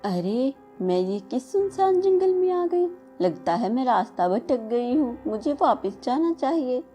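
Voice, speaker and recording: A woman doing a gentle, motherly bulbul bird. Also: sits high, very animated, unhurried, faint music behind. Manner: gentle, caring. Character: kind adult bulbul bird, motherly and brave.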